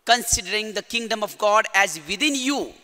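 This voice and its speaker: Indian english priest, high bright tense voice, big cathedral echo ringing after every line. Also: male voice, lively intonation. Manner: formal, measured liturgical delivery. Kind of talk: reading the gospel and preaching a homily. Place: large church. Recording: long church reverb.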